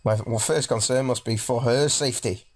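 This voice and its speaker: In this let's play, a man reads visual novel narration with dramatic flair and drops in casual, joking asides while game music plays. His pitch is medium, his intonation fairly even, and his pace moderate.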